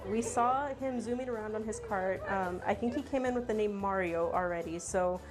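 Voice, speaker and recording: A woman's voice: medium pitch, normal speed. A woman from an animal rescue speaking earnestly in a news interview, with some "you know" fillers. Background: background music.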